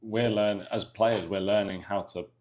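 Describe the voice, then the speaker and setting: A young man from just outside London, with a London-area English accent, chatting in a relaxed, hesitant way as a podcast guest. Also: on the low side, unhurried. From England, near London. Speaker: soccer player, podcast guest. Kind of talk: casual interview chat.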